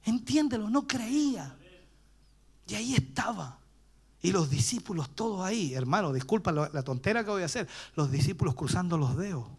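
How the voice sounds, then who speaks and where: A man with a Chilean accent preaches in a church, his voice pitched high and ranging widely as he tells the story. He swings from loud cries down to hushed whispers. He acts out the voices of the people in it as he goes. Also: lively intonation, normal speed, slightly rough. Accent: Chilean Spanish. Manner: acts out bystanders' voices while retelling. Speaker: pastor. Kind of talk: preached sermon.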